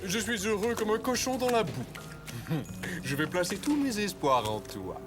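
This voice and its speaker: A man's voice: high-pitched, sing-song, normal speed, music in the background. A man voicing a scheming, vain villainous pet fish in a cartoon, pompous, bossy and gloating with melodramatic flourishes. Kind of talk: animated cartoon acting.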